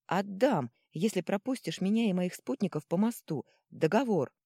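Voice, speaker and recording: A woman's voice: mid-range voice, expressive, normal speed, warm tone, slightly rough, no echo, studio quality, pitched above the performer's own voice. A woman voicing a young female sorceress who pleads and calls out urgently.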